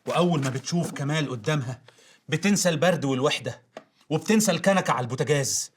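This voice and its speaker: A man playing a fast, bossy Egyptian radio announcer. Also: a little high, slight background noise, close to an everyday voice. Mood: measured. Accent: Egyptian Arabic. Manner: theatrical, snapping orders in asides. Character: male 1940s radio announcer, bossy and impatient. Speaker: radio drama narrator. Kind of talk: 1940s radio acting.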